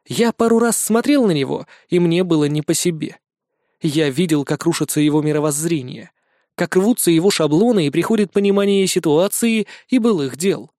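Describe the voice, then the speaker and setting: A man narrating a first-person audiobook in an expressive storytelling manner, close on the mic. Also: on the high side, normal speed, no room sound.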